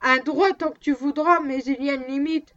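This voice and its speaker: A woman's voice: sits high, fairly even intonation, normal speed, a bit bright. A woman reading the part of a patient, determined man who owns a wild dog, in an audiobook on a dull lo-fi recording. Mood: earnest.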